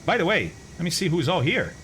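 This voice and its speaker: A man's voice: a little high, sing-song, quick pace, a bit bright, slight background noise. A man streaming a flight simulator, chatting casually with viewers, thinking aloud and laughing often. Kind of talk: casual live-stream chat.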